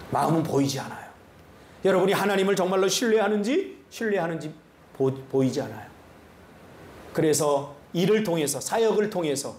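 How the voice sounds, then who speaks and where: A male pastor giving an animated sermon full of rhetorical questions to his congregation. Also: fairly high pitch, roomy sound, a little hiss or hum. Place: church sanctuary.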